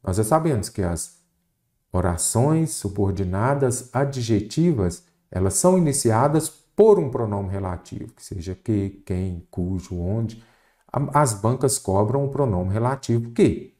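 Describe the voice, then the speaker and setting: A man with a Brazilian Portuguese accent teaching an exam-prep grammar lesson, with lively delivery and rhetorical questions to students. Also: fairly low pitch, measured pace.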